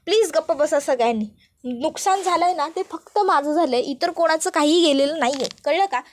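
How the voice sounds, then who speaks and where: Brief: a curt, exasperated young man with a high voice, as a female storyteller puts him on. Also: brisk, lightly acted.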